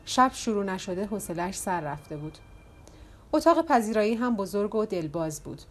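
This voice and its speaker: A woman narrating an audiobook in the first person, with calm, even storytelling. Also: mid-range voice.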